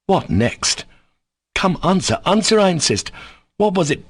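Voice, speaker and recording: Audiobook figure: a man playing an agitated, imperious young nobleman, raised and loud, husky. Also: medium pitch, big pitch swings, brisk, dry recording, studio quality. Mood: furious. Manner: shouting, peremptory.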